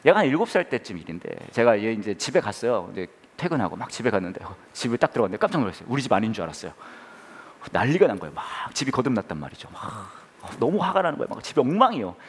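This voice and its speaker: A man in his forties preaching a sermon, telling a family story with animated, lively delivery. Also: mid-range voice, rapid-fire, husky. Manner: animated storytelling, loud acted outbursts. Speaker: pastor.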